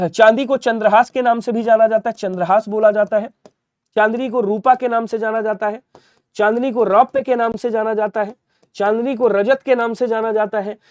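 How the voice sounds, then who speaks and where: A young man with a high, bright-sounding voice runs a rapid-fire Hindi grammar drill. He repeats each word, asks the class a question and then answers it himself. The recording is dry and close, with no room sound. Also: no room sound. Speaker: online exam-prep Hindi teacher.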